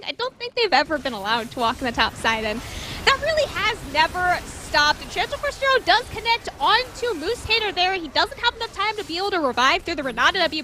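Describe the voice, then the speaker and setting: A woman with a very high, bright voice calls an esports match live. She reels off play-by-play at speed, her excitement rising with each team fight. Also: slight background noise. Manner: rapid, excited play-by-play calling. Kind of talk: fast live game commentary.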